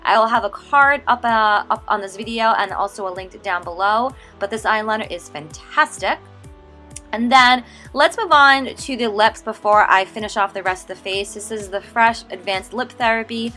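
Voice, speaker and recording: A woman's voice: medium pitch, moderate pace, pushed and bright, soft background music. A young woman from the United States hosting a makeup tutorial, upbeat and gushing, often saying "like" as she narrates each step. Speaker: makeup artist and beauty channel host.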